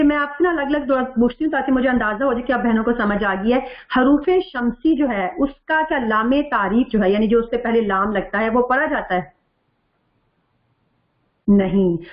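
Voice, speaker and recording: A woman's voice: a little high, muffled recording. Patient woman teaching an echoey online class. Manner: patient, asks questions and reads out students' answers. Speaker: Quran recitation teacher. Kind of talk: online class reviewing the last lesson.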